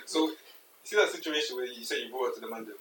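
A man's voice: mid-range voice, very fast, fairly bright tone, distant mic. A young man in a casual debate with friends, questioning and repeating his point. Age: young adult. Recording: echoey room, off-mic, noisy.

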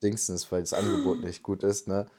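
A man's voice: deep voice, level tone, a little fast, mellow, husky. A man co-hosting a podcast, chatting loosely and ranting with many fillers. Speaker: podcast co-host. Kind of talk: casual chat.

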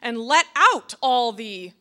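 A woman's voice: on the high side, lively intonation, slow, sharp tone, full character voice. A woman voicing a valiant, indignant male rooster in a spoken storybook tale, crowing and chanting insistently.

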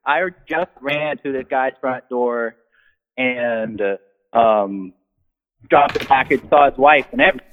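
A man with a slightly higher voice tells a long, rambling story in casual chat, stumbling over fillers and restarting his sentences. His sound is thin and narrow, as if it comes through a phone line. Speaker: delivery helper telling a work story.

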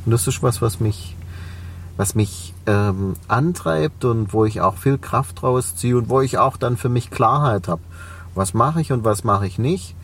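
Heard on a far-off mic with slight hiss or hum, a medium-pitched man talks a little slowly. He's in his forties, has a Swabian German accent, runs a cleaning business, and muses as a podcast interview guest with frequent fillers.

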